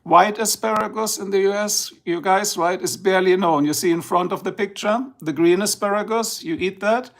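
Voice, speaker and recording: A German man with a German accent hosts a casual livestream indoors, showing photos on a tablet slideshow while rambling in a slightly drowsy way. His voice is high, creaky, and a bit bright, moving at a moderate pace with hardly any pauses.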